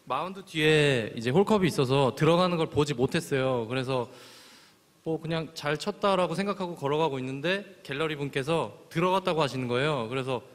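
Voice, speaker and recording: A man's voice: fairly high pitch, a little fast. A man in his thirties, a golfer, telling an anecdote unscripted and a bit hesitantly in an onstage interview. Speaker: award-winning golfer giving acceptance interview. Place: large banquet hall stage. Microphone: handheld microphone. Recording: long hall reverb.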